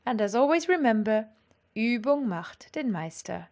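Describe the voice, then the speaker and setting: A woman with a slightly high voice gives a language lesson. She explains clearly and with enthusiasm. She pronounces each example word with care. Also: very animated, normal speed, a little mellow. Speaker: language teacher.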